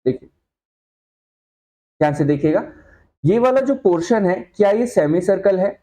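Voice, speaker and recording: Man, shorthand teacher, dark warm tone, patient, keeps asking if it is clear, says example sounds slowly. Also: sits high, animated. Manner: patient, checks understanding with repeated questions. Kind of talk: whiteboard lesson explanation.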